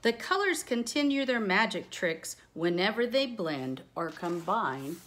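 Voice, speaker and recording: Unhurried and medium in pitch, a storyteller reads a picture book out loud. She dramatizes the text expressively, draws out certain words, and adds offhand remarks along the way.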